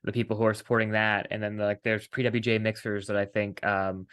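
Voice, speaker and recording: A man's voice: on the low side, level tone, a little fast, fairly bright tone, clear, resonant tone. A man hosting a casual interview podcast, laughing often and talking in a slightly rambling way with restarts. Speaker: podcast host.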